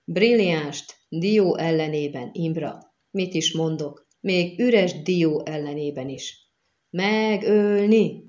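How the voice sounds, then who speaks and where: A cruel man with a sneering, taunting delivery, put on by a woman reading an audiobook. He speaks at a measured pace and mocks from a position of power. The recording is dull and lo-fi. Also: a little high, a little mellow, close to an everyday voice. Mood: mocking. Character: mocking man with a bass voice, cruel gambler.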